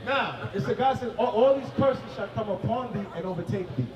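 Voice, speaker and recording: Male street preacher, high voice, emphatic with bursts of shouting, distant mic in an echoey space. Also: animated, brisk, crowd noise.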